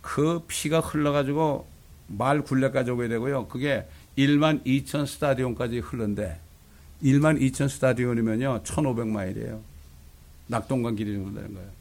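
A man's voice: mid-range voice, moderate pace, creaky, a little mellow. A male pastor preaching a fiery, blunt sermon, with coarse insults thrown in.

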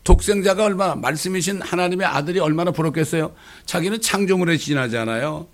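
Animated preaching man, high-pitched. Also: fast. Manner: animated, rhetorical questions, frequent "eh?" asides. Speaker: pastor. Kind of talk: sermon.

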